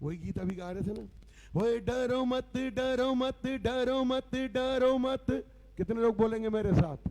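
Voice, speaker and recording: A man's voice: very high-pitched, takes it slowly, a little mellow. A man preaching a fervent church sermon as pastor, calling out to the congregation and chanting refrains with them. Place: church service.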